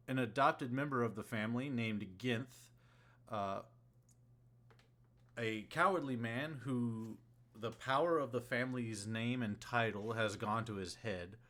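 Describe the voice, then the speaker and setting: A man running a tabletop game as game master, recapping the story in a relaxed way with frequent fillers. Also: medium pitch.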